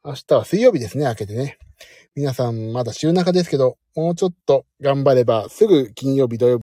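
Male streamer, lively self-mocking late-night chat, dark dry close sound. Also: medium pitch, brisk, dry recording. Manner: chatty, self-mocking, warm sign-off to listeners. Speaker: live audio stream host.

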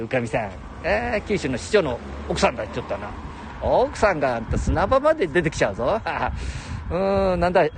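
Older man, 70s, Nagoya-area dialect, solo livestream host; lively up-and-down voice with a slightly high pitch, chatty and laughing, faint noise behind. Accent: Nagoya-area Japanese dialect. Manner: chatty, laughs often, talks to himself. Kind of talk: rambling solo livestream chat.

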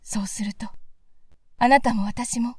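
A woman's voice: fairly high pitch, moderate pace, a little mellow, dry recording, studio quality, close to an everyday voice. A woman voicing a frightened young princess who speaks politely and anxiously. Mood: fearful.

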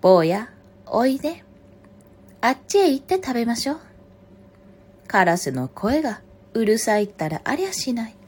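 Woman voicing a sly flattering mother fox. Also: on the high side, normal speed, pauses often, breathy edge, voice pushed up. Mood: brisk. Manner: sweet, exaggerated flattery, drawn out. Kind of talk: picture-book read-aloud.

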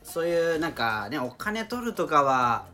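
A young man joins a casual chat, his voice bright and forward with a lot of movement in pitch. He sounds easygoing and agreeable, and faint music sits in the background. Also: very animated, measured pace. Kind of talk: casual chat among friends.

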